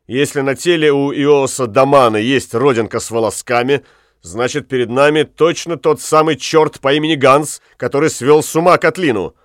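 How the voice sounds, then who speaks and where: A man voicing a measured old town elder. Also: medium pitch, no echo, studio quality, natural voice. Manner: measured, reasoning. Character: sober male town elder at a trial.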